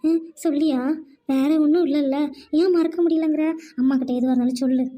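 A woman's voice: high-pitched, steady tone, a little fast, mellow, natural voice. A woman playing a worried village mother who scolds her daughter with stern but loving emotion. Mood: anguished scolding. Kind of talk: amateur audio drama.

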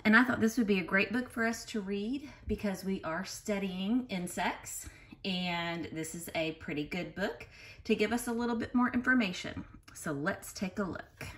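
With a mid-range voice at a moderate pace, a woman reads to young children from a picture book as a teacher would. She is expressive and careful, adding asides that explain and questions for the kids.

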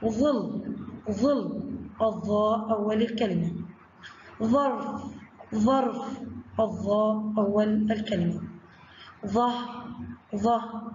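A woman's voice: medium pitch, a little mellow. A woman with an Egyptian Arabic accent teaching young children a phonics lesson, talking to them directly and stretching out syllables. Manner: slow drawn-out syllables, addresses children directly. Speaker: primary school teacher. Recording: echoey room, dull lo-fi sound, faint noise.

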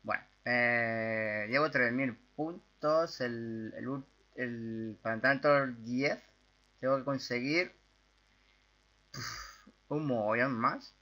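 A young man from Spain with a Spanish accent, chatting his way through a video game with excitable outbursts and repeated words. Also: mid-range voice, takes it slowly, pauses often, dull audio. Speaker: gaming YouTuber. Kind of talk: casual gameplay commentary.

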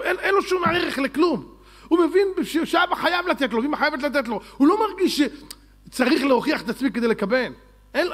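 A rabbi giving a Torah lecture, preaching fiercely with scolding rhetorical questions and sarcastic asides. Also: male voice, extremely high pitch.

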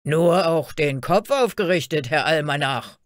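A woman voicing a group of harsh old male guards who bark loudly and mock. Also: medium pitch, takes it slowly, no room sound, clean studio sound, pitched above the performer's own voice, close to an everyday voice. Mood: scornful shouting. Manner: loud, harsh and mocking. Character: gruff shouting old male gate guards.

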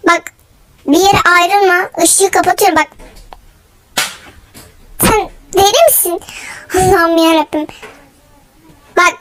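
High-voiced excitable young woman gamer. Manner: loud, excitable, mock-threatening. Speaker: gaming YouTuber. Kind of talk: gameplay commentary.

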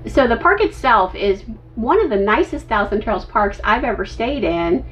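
A woman in her fifties co-hosting a casual RV travel vlog from inside the camper, bubbly and prone to excited squeals. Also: a little high, moderate pace, soft background music. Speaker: RV vlog co-host. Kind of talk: casual chat. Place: inside an RV, seated at table. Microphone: camera a few feet away. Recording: slightly distant, dull sound.

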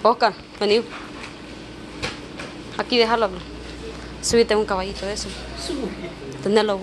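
A woman's voice: mid-range voice, steady tone, a little slow, background noise. A woman, chatting playfully in a casual vlog as she shops, often calling out names. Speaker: vlogger. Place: large indoor variety store.

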